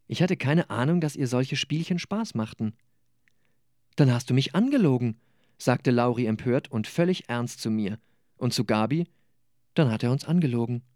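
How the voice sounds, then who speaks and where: A man reading from his own novel with animated dialogue voices, then answering questions thoughtfully with many pauses and fillers. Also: mid-range voice, no room sound, clean studio sound. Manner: thoughtful, hesitant with fillers in the interview.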